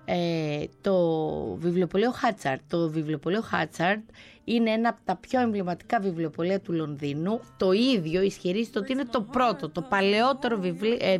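A woman radio host talking casually in a conversational way, pausing on fillers and restarting words as she goes. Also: on the low side, darkish tone. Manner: conversational, with frequent hesitations and restarts. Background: faint music.

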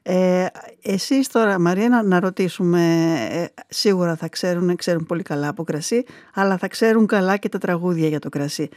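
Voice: mid-range voice, a little mellow, no room sound. Radio host asking guests stuff, lots of mm-hmms, dry studio sound. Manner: attentive, many murmured agreements. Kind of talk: radio interview.

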